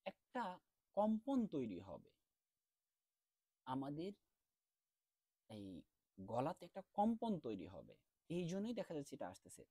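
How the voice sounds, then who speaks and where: A man teaching an online class, explaining letter sounds step by step and drawing each sound out slowly, then asking questions and answering them himself. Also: on the high side, wildly swooping pitch, mellow, husky, no room sound. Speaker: Quran recitation teacher.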